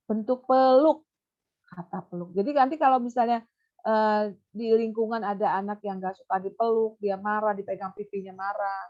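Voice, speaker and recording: A woman consultant and behaviour therapist giving an animated webinar talk, now and then putting on a high coaxing voice to show how to talk to a child. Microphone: webinar computer mic. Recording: muffled online webinar audio.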